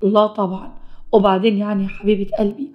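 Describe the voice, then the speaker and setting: A woman voicing a smug, defensive husband in an animated storybook tale, talking bluntly and fast. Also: mid-range voice, phone-quality sound, lightly acted. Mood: protesting. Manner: blunt, self-justifying.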